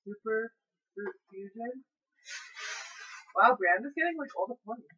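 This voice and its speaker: A young woman with a fairly high, husky voice chats casually as she leads a home challenge. The recording is muffled and lo-fi. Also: expressive, a little slow. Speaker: challenge leader handing out the beans. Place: small carpeted bedroom indoors. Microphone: camera a few feet away.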